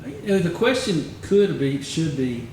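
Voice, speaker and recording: A man's voice: a little high, measured pace. An older man, a retired county attorney, telling long rambling anecdotes as an interview guest. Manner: rambling anecdotal storyteller, animated. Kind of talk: casual interview chat. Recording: echoey room, distant mic, faint noise.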